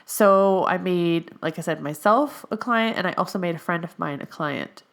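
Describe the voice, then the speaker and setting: With a fairly low, slightly bright voice, this young woman talks through a relaxed solo episode of her podcast. She's training as a health coach, sounds somewhat nasal from allergies, and keeps things chatty with lots of fillers.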